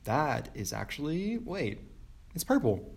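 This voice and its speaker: A man's voice: on the high side, sing-song, slow, creaky, darkish tone, husky. Joking young Southern man. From Mississippi. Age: young adult. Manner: joking, laughs often, playful. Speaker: podcast co-host. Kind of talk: casual chat.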